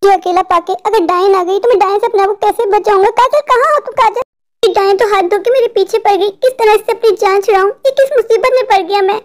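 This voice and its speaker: Whiny scared husband for a cartoon, voiced by a woman, pitched very high, panicky. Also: quick pace. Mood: anxious. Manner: fretful, complaining, panicky. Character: frightened, whiny adult husband, mall owner. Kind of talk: cartoon voice acting.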